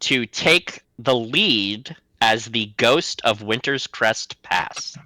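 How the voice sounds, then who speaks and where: A man acting as game master, narrating and explaining rules clearly. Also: mid-range voice, expressive, very slow, sharp tone, no room sound, low-quality recording.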